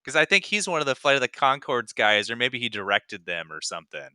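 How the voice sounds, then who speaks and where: Bright, crisp young man chatting. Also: medium pitch, very animated, fairly quick. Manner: rambling, searches for names, swears casually. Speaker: podcast co-host. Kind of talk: casual chat.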